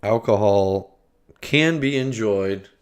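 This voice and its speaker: Reacting to a video on stream, a man with a low voice rambles slowly in casual commentary. He jokes and hesitates, letting sentences trail off before restarting and scatting nonsense syllables.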